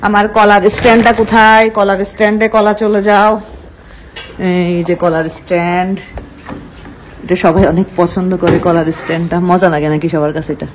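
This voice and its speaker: A woman's voice: fairly low pitch, steady tone, fairly quick. Young woman, chatty vlogger, home kitchen, faint background noise. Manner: chatty, talks to viewers and to her husband off camera. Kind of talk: casual grocery haul vlog.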